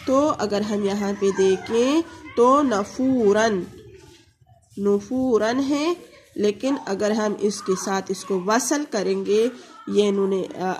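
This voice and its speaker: A woman's voice: medium pitch, darkish tone, slight background noise. A woman teaching a Quran recitation lesson, patiently spelling out letters and vowel marks and drawing out example words.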